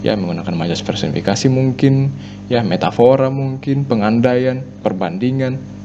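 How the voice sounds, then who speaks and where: A man's voice: medium pitch, moderate pace. A male teacher giving a recorded lesson, explaining point by point with lots of "ya" and "nah" fillers. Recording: dull lo-fi audio with mains hum.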